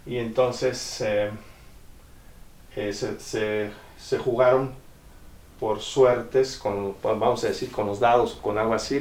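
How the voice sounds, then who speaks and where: A man giving a Bible lecture. He explains step by step, often checks in with his listeners, and slowly sounds out ancient Greek terms. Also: mid-range voice, darkish tone, a little hiss or hum. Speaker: Bible teacher. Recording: roomy echo, distant mic.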